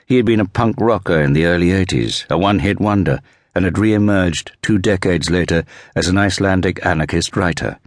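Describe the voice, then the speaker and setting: Low-voiced guy narrating a thriller audiobook, dry close sound. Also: brisk, no echo. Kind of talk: scripted narration.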